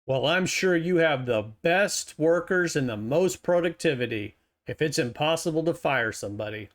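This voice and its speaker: A middle-aged man hosts a reaction video with a notably high voice. He fires back at clips in a sarcastic, heated tone, mocking as he argues. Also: lively intonation, moderate pace. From United States. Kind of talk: reaction commentary.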